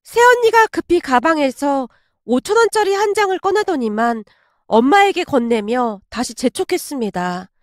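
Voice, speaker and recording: A woman's voice: high-pitched, big pitch swings, moderate pace, no echo, clean studio sound. A woman in her thirties narrating a personal family story in a chatty, confiding way.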